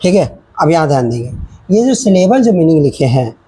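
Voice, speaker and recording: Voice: medium pitch, sing-song, a little fast, mellow, slight background noise, low-quality recording. A teacher giving a children's grammar lesson, repeating points and checking in often while mixing in English words.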